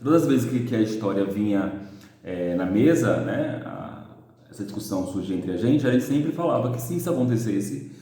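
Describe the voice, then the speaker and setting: A man's voice: lowish voice, animated, normal speed, dark tone. A man, an adoptive father speaking thoughtfully in a documentary interview, searching for words. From Salvador, Bahia, Brazil. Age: 30s. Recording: echoey room on a phone.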